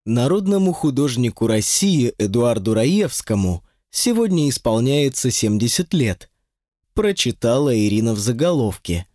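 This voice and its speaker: Expressive male audiobook narrator, dry close sound. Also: medium pitch, dry recording. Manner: expressive, ironic storytelling. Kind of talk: scripted narration.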